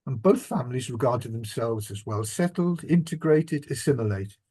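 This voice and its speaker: An older man, the presenter and author, delivers an illustrated family history talk in a measured, reflective way with the odd filler. His mid-range voice has lively intonation and a dark, slightly rough tone.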